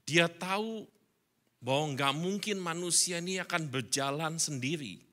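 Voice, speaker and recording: A male pastor giving a sermon, telling his story in an animated way that swings between loud and soft. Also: on the high side.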